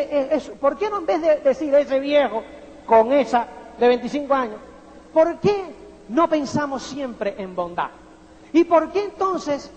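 A man giving a motivational talk to an audience, animated and theatrical, often checking in with "do you understand me?". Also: very high voice. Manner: animated, theatrical, asks "¿me entiendes?" constantly. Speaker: motivational speaker. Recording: dull sound with long hall reverb.

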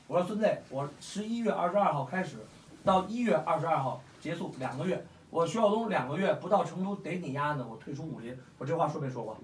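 A man's voice: on the high side, animated, fast, slight background noise. A man in his forties with a Beijing accent, talking bluntly and heatedly to a crowd of fans, swearing often. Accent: Beijing Mandarin. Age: 40s. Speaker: fight fan meetup host. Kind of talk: casual talk to a crowd. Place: room with a gathering of fans. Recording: echoey room, mic at a distance.

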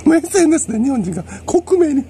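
A man's voice: extremely high pitch, sing-song, fast talker, mellow, a little hiss or hum. A man with a Kansai accent, rambling through a solo monologue in a lecturing way and chuckling to himself. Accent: Kansai Japanese. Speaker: solo commentator.

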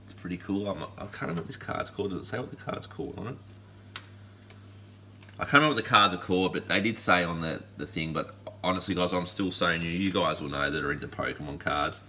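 A man's voice: low-pitched, fast, bright, forceful tone, slight background noise. A man, hosting a casual unboxing chat, upbeat and rambling with laid-back slang. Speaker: collectibles channel host. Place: indoor room lined with collectible shelves.

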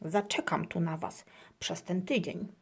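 A woman's voice: lowish voice, a little slow, husky. A woman voicing a small, timid, grumbling pet hamster in a children's storybook. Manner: fearful, grumbling.

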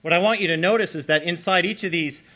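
A man lecturing on computer science, explaining with lively emphasis and checking in with his audience. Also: high voice, quick pace. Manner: animated, explanatory, checks in with listeners. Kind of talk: academic lecture.

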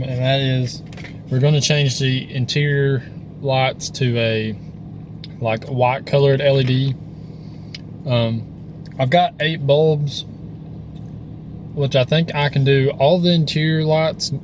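A young man hosting a casual car vlog, talking in a relaxed, rambling way with many fillers while working inside a parked car. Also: medium pitch, noisy background. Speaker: car vlogger.

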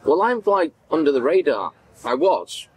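This man's voice is fairly high and husky, moving at a moderate pace on a rough recording. He's a forties-aged podcast guest from Manchester, England, animatedly telling stories in a casual interview, acting out dialogue and gesturing widely, at an indoor event backdrop at a farmers market.

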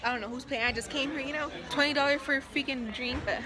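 A woman's voice: high voice, fairly even intonation, fast talker, over music, crowd noise, poor audio. Tipsy young woman vlogging, swearing. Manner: swearing, rambling, laughs often. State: drunk. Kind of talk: casual vlog chat.

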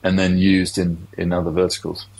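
A man's voice: deep voice, completely flat delivery, moderate pace, vocal fry, a little mellow, low-quality recording. A middle-aged man, a tech industry guest, explaining things in a loose, conversational interview.

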